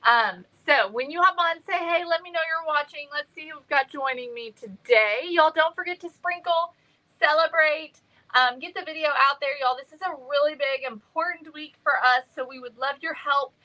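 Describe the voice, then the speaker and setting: A woman hosting a casual craft livestream, greeting viewers by name and filling pauses with many ums. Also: high voice, pushed and bright, low-quality recording.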